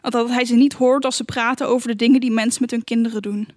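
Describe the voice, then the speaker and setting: A woman narrating an audiobook in a calm, measured, even reading voice. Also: on the high side, no room sound, clean studio sound. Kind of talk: scripted narration.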